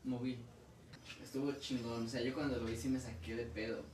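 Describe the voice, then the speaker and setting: A man's voice: mid-range voice, level tone, fairly quick, distant mic, background noise. A young Mexican man chatting casually, swearing freely and retelling stories with restarts. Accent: Mexican Spanish. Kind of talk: casual chat. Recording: echoey room, voice from off-mic.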